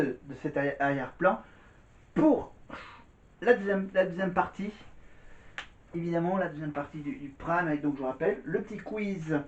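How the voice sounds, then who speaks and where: A man's voice: on the high side, a little mellow. A man chatting casually to camera in a vlog, rambling, repeating words and saying "voilà" often. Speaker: vlogger. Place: indoors at home. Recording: echoey room, dull lo-fi sound.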